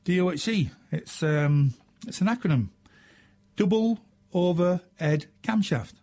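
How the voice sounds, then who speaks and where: A man with a Northern English accent hosts a radio show, chatting casually and answering listener questions in a high, warm, expressive voice at a slightly slow pace. He's self-mocking and drops in plenty of ums and uhs.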